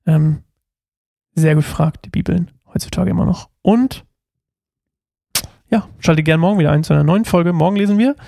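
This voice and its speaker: A man's voice: a little high, moderate pace, vocal fry, pauses often, dark tone, slight background noise. A young man hosting a casual Bible study podcast, chatty and self-mocking, rambling with fillers as he reads and explains.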